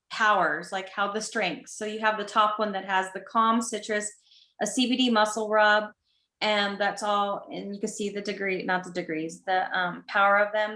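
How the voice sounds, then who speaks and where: A woman's voice: medium pitch, fairly bright tone. A woman co-presenting in a casual chat, enthusiastically listing kit contents with many fillers. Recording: echoey room.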